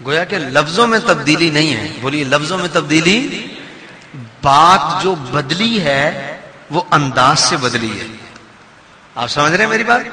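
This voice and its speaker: Preacher with a high voice in echoing hall. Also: male voice. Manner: animated, explanatory, asks the audience. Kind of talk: sermon with storytelling. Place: mosque hall. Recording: long hall reverb, crowd audible. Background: crowd.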